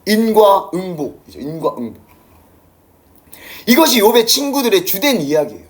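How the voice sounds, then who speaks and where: High, animated Korean pastor preaching. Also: male voice, normal speed. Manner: conversational, asks the congregation questions. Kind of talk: sermon.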